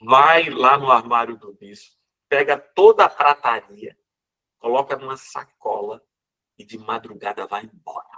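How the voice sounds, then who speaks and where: Man, friar, sermon storytelling, conversational, lively. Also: mid-range voice, measured pace. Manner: lively, conversational, asks listeners "né?". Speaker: friar preacher.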